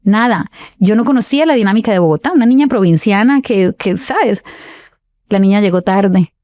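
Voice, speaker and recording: A woman's voice: mid-range voice, moderate pace, dry recording. A young woman, telling stories as a podcast guest and acting out the dialogue. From Colombia. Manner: animated storyteller acting out dialogue. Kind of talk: casual storytelling interview.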